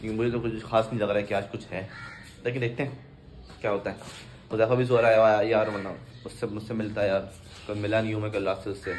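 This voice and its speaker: A man's voice: fairly low pitch, flat delivery, fast talker. A young man casually narrating his day to camera, chatty and informal, talking to viewers like friends. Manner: chatty, keeps addressing viewers as brother. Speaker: vlogger. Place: at home, indoors. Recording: noisy home recording.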